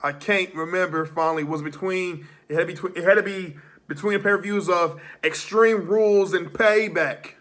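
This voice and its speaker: A man delivering a dramatic wrestling promo, taunting a rival directly and swinging between low menace and loud outbursts. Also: moderate pace.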